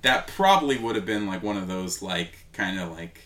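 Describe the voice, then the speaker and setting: Sitting low but fairly bright in tone, this podcast co-host speaks expressively at a moderate pace. He meanders through a laid-back movie discussion, dropping "like" and "um" constantly.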